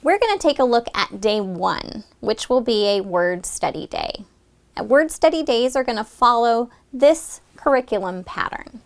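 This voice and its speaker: A woman teacher explaining a phonics lesson plan and then modeling it, drawing out the vowel sounds slowly and deliberately for students. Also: fairly high pitch, big pitch swings.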